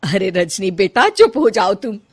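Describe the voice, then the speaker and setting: A woman's voice: medium pitch, very animated, a little slow, husky. A woman voicing a caring middle-aged mother-in-law in a cartoon story, talking fondly. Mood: motherly. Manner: fond, motherly talk.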